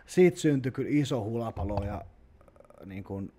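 A man hosting a podcast, chatting casually and swearing heavily as he talks. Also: mid-range voice. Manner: heavy swearing, animated. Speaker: podcast host, bodybuilding coach.

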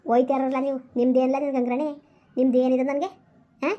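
An actor playing a fiery old village mother who scolds her grown son in a rapid, cursing tirade, in a rural comedy skit. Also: high-pitched, flat delivery, lightly acted. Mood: bitter, scolding. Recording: dull lo-fi recording.

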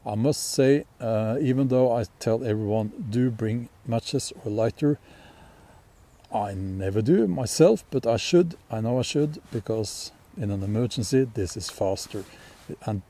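A Norwegian man with a Norwegian accent, hosting a casual bushcraft gear talk outdoors in a forest, relaxed and rambling with many ums and restarts. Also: medium pitch, measured pace. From Norway. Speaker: bushcraft channel host. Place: outdoors in a sunny forest clearing.

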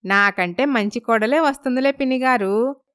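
A woman playing a gentle, modest young wife. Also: fairly high pitch, normal speed, clean tone, natural voice. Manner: modest, polite. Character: dutiful, gentle young daughter-in-law.

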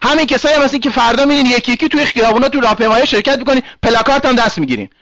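Heated high-voiced man hosting a voice chat. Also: expressive, a bit bright, no echo, muffled recording. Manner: argumentative, repeats himself, interrupts callers. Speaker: chat room host. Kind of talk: heated online talk room moderation.

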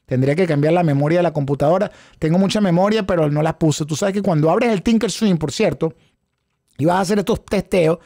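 A man's voice: high voice, gravelly, no echo, studio quality. A man teaching a live-streamed trading class, chatting with viewers and thanking them, wearing headphones at a home setup. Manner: lively, animated, chatty with viewers, thanks super chats. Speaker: trading instructor. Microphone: headphones with mic.

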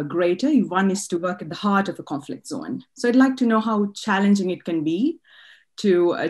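Young woman from Sri Lanka, student panelist, low-ish, polite and careful over webcam. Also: a little mellow. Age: young adult. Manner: careful, polite, slightly hesitant. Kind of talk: asking a question on video call. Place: indoors, plain light room. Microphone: video call webcam.

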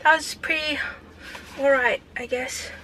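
A woman's voice: sits high, steady tone, unhurried, background noise. A woman, chatting casually into a handheld camera in a rambling vlog style. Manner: chatty, rambling, filler-heavy. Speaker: vlogger. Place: car, gym and home. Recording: music playing behind.

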